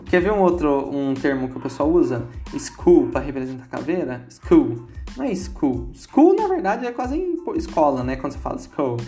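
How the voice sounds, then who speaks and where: A man's voice: on the high side, very animated, brisk, hardly any pauses, dark tone, faint music behind. A man with a Brazilian accent giving a casual English lesson, chatty and repeating words aloud to show how they sound. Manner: chatty, repeats words to demonstrate pronunciation, asks "entendeu?". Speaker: English teacher.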